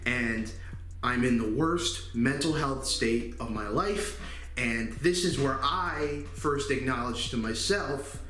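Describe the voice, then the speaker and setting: A man in his twenties talking candidly in a personal vlog, halting often with fillers. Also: medium pitch, a bit bright. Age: 20s. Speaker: channel host. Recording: echoey room.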